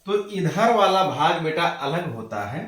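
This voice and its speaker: A man teaching a casual maths lesson to children, calling them beta, checking in often and slowing down to spell out numbers. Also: on the high side, sing-song, fairly bright tone. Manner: calls students beta, keeps asking "theek hai na". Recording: echoey room.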